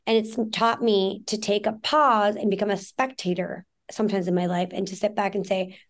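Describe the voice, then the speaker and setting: A woman in her forties who grew up in Pakistan appears as a guest on a podcast for a candid conversational interview. Her mid-range voice stays fairly even in intonation at a moderate pace as she talks frankly in long runs packed with fillers.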